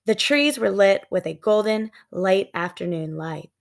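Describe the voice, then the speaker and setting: A woman's voice: medium pitch, a little slow, creaky. A woman reading scripted narration from a children's storybook. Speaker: storybook reader.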